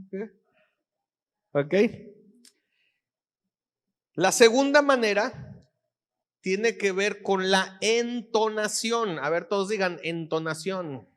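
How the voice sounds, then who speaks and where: A man's voice: high voice, fairly bright tone. A man preaching as a pastor, checking in with his audience after almost every phrase. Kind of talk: sermon.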